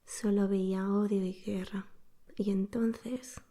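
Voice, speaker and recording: A woman telling a guided bedtime story in a soft, breathy, soothing ASMR whisper. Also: medium pitch, flat delivery. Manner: soothing, slow-paced, hushed narration.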